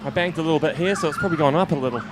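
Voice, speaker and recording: A middle-aged man, a veteran athlete and coach, chatting in a relaxed, joking way after a race. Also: fairly high pitch, rapid-fire. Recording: noisy outdoor background.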